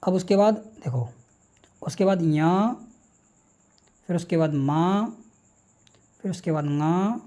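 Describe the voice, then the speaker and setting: Mellow-voiced teacher drilling speech sounds. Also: male voice, sits high, takes it slowly, long pauses. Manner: asks questions and answers them himself; drills sounds by reciting them one by one. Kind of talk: classroom lecture on phonetics.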